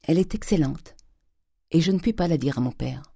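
A reader voicing a calm, stubbornly defiant young woman who answers in a measured, firm way. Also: medium pitch, gravelly, slightly rough, dry recording, clean studio sound. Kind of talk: audiobook character reading.

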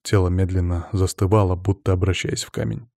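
A man reading a first-person audiobook with a dark, mellow tone. He tells the story in a measured, steady way. The recording is dry and close to the mic. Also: low-pitched, gravelly, no room sound. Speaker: narrator.

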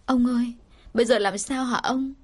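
A woman's voice: on the high side, fairly even intonation, normal speed, darkish tone, husky, pitched above the performer's own voice. A woman voicing a distraught middle-aged village mother who sobs and pleads as she talks. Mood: sobbing, wailing. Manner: sobbing, pleading.

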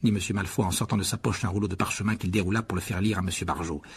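A man narrating an audiobook in a steady, measured storytelling manner. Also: deep voice, a little hiss or hum.

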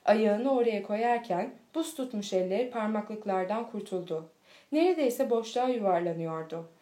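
A woman reading a children's storybook aloud in a steady, clear manner. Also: medium pitch, moderate pace. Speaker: audiobook reader. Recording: echoey room.

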